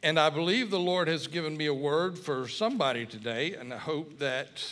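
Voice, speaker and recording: Folksy guest preacher. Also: male voice, on the high side, normal speed. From Mississippi, US. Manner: folksy, warm storytelling with fillers. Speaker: guest pastor. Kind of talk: sermon.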